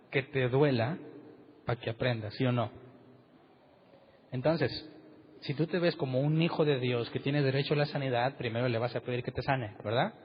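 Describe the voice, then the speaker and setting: A man preaches in a relaxed, conversational way, often turning to his listeners with questions. His voice sits at an ordinary pitch for a man. It carries a long echo from a church hall, with a slightly muffled tone and a faint hiss underneath. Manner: asks the congregation rhetorical questions. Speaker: pastor. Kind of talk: conversational sermon. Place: church meeting room.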